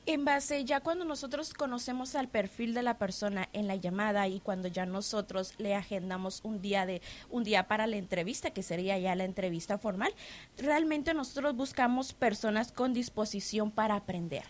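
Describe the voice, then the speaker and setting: A woman's voice: mid-range voice, normal speed. A woman from Guatemala, a staffing agency representative, explaining her work as a guest on a radio show in an upbeat way.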